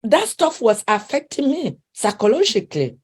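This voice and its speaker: In a conversational interview, a relationship coach speaks earnest English with a non-native accent, often restarting her sentences and letting out soft laughs. Her voice sits on the high side with big pitch swings, a normal pace, and a slightly rough texture.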